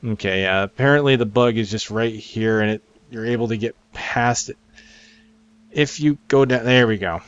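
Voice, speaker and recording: Over game music, a man rambles casually while previewing a game, thinking aloud in unscripted commentary. His voice sits at medium pitch with a clear, resonant tone, moving at a normal speed, though the recording sounds lo-fi.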